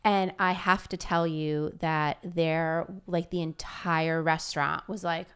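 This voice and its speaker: Animated, smooth-voiced female podcast co-host. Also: low voice, takes it slowly. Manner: animated, many fillers and restarts, laughs easily. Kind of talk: casual podcast chat.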